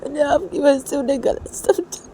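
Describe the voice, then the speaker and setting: A woman voicing a heartbroken young wife who pleads, cries and shouts in a homemade story reading. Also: high voice, normal speed, slight background noise. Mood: tearful fury. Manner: pleading and crying, rising to shouts. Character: young woman Uma, heartbroken, tearful, defiant.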